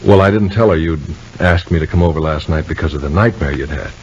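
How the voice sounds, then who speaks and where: An actor with an extremely low, slightly mellow voice talks quickly as Bill, an easygoing married man and protective older-style brother in a 1950s radio soap opera. He sounds gently concerned and speaks in a folksy, conversational way, on a dull, noisy old radio recording.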